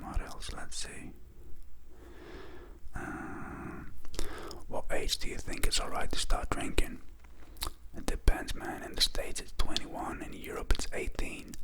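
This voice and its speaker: A Greek-born man, Greek being his first language, runs an ASMR channel and whispers close to the mic. He goes through a Q&A unhurriedly and softly, with frequent ums and fillers.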